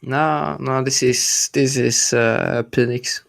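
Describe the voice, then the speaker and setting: A man talking through a pitch-shifted voice changer in a casual livestream call, hesitant and agreeable. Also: fairly even intonation, takes it slowly, vocal fry, fairly bright tone. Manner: hesitant, agreeable, restarts a lot.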